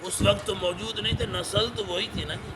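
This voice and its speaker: A man with a high-pitched voice reciting verses in a measured chant, then breaking each phrase down and quizzing his class as he goes. Traffic and street noise hum clearly behind him. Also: steady tone. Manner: recites Arabic verses, then explains them line by line with teacher's questions. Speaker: Quran teacher. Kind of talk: Quran translation lesson. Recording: noisy recording with traffic behind.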